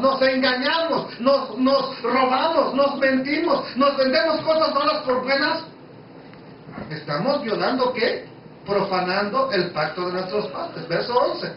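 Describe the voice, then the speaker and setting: A man with a very high voice preaches a Bible study in an emphatic, conversational way and keeps asking his listeners questions. His voice booms around a very echoey room, picked up from some distance off. The sound is a bit dull, with a faint hiss underneath.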